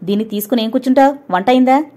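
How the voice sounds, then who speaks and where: A bossy, sharp-tongued mother-in-law who barks her complaints, as a woman reader puts her on. Her voice is mellow and dark in tone, yet loud and nagging. She comes across as a storybook tyrant of the household. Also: on the high side, lively intonation, a little fast. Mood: scolding. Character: harsh scolding older mother-in-law.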